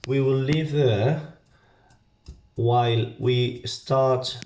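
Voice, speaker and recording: Slow-talking Basque-accented man, echoey room. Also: medium pitch, fairly even intonation, darkish tone. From Basque Country. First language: not English. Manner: halting, step-by-step, often checking with "okay?". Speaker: amateur home cook presenting. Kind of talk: casual cooking tutorial. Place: home kitchen, indoors. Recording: echoey room, background hiss and clicks.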